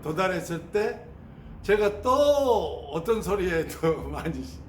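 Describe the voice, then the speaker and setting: High, lively man in an echoey room. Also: slow pace. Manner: animated storytelling, imitates sounds. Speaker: spiritual teacher. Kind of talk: spoken teaching on meditation experiences. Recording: roomy sound with faint ambient noise.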